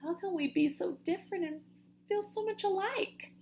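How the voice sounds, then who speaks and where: Woman doing excitable little birds, very high pitch. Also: moderate pace, slight background noise. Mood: musing. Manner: exclaiming. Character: small young birds, excitable, friendly chirpers.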